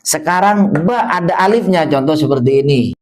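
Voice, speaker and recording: Guy teaching quran reading basics, asks then answers his own questions, drags words out slow when showing how to read. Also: fairly high pitch, lively intonation. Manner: drawls words slowly when modelling recitation. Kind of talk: beginner Quran reading lesson.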